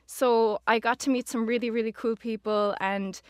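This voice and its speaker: Young west of Ireland woman, higher-pitched. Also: fairly even intonation, moderate pace, dry recording, clean studio sound. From Galway, west of Ireland. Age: 20s. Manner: chatty, informal, uses "like" and "kinda" often. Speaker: interview guest, social media manager. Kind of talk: casual conversational interview.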